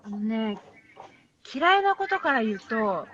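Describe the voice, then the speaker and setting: Woman from japan on a noisy video call, a bit high voiced, slow thoughtful talk with lots of fillers. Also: big pitch swings, muffled recording. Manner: thoughtful, hesitant, many fillers. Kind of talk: casual chat.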